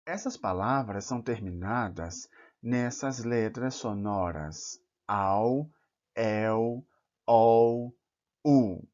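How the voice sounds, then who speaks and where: A man teaching plural rules in a careful lesson, saying each example word slowly and clearly. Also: fairly low pitch, darkish tone. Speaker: Portuguese teacher. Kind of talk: slow, deliberate grammar lesson. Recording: dull, slightly lo-fi recording.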